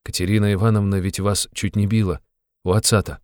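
A man's voice: on the low side, level tone, brisk, a little mellow, no room sound, clean studio sound, natural voice. A man voicing a brooding young man who talks in a sullen, clipped, abrupt way. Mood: gloomy.

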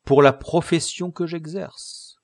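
A man's voice: fairly high pitch, steady tone, takes it slowly, no room sound, clean studio sound. A man voicing a lovesick, grandiloquent middle-aged knight in an audiobook, solemn, lofty and formal. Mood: grand. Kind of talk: audiobook character reading.

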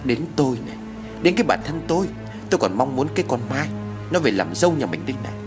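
A stern older village father, as a male storyteller plays him lectures his family firmly. His delivery rises and falls in lively pitch. Soft music sits beneath the storybook narration. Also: quick pace, close to an everyday voice. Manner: firm, lecturing.

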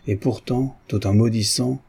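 A man reading a classic novel aloud as an audiobook narrator, in a measured, literary way. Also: on the low side, steady tone, gravelly, warm tone, husky. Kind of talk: scripted narration.

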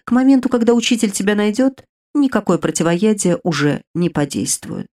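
A woman voicing a cruel dark queen in a storybook reading, commanding and mocking with a hissing edge. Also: medium pitch, a little fast, lightly acted. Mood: cold mocking.

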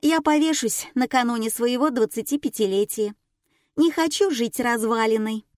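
A woman's voice: on the high side, moderate pace, dry recording, studio quality, voice pushed up, close to an everyday voice. Woman doing a brash mocking teenage girl. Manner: loud, mocking, blunt.

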